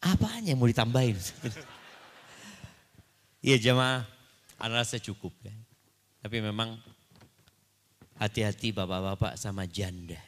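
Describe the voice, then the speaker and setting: A man's voice: fairly low pitch, animated, unhurried, pauses often, big-room sound. A man speaking as an ustadz on a panel, giving religious advice to a congregation in a light, joking manner.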